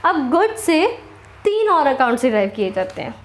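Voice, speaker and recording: A young woman with an Indian accent teaching accounting, explaining slowly and asking her class questions that she then answers herself. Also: high voice, big pitch swings. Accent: Indian English. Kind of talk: classroom lecture.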